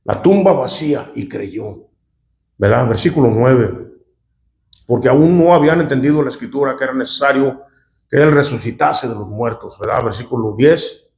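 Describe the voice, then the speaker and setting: Reading scripture and adding commentary in a sermon, this pastor keeps things conversational, regularly turning to the congregation with "¿verdad?" and "¿cuántos dicen amén?". His mid-range voice is creaky and a little mellow, and the recording is reverberant.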